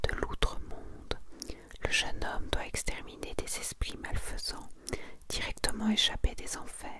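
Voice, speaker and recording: In this whispered ASMR clip, a woman calmly presents her manga collection. She speaks softly and slowly, reading aloud and commenting as she goes.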